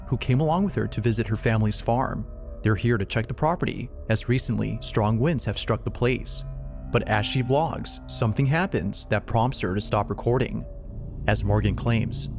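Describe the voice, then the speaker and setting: Brief: deep, gravelly male narrator, scripted and measured, background music. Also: darkish tone. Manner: measured storyteller. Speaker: compilation narrator.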